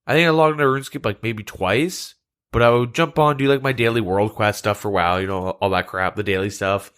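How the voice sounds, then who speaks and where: A male podcast co-host with a lowish, bright, clean voice chats casually, a little fast, in a shared room with two mics. He's easygoing and laid-back, fills his speech with words like "like," and has a stuffed-up nose from a cold.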